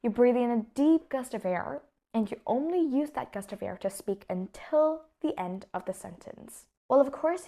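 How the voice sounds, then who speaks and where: A young Vietnamese woman, a native speaker with a Vietnamese accent, teaches English pronunciation, stressing key words as she demonstrates them. Her voice is a little high and a little mellow.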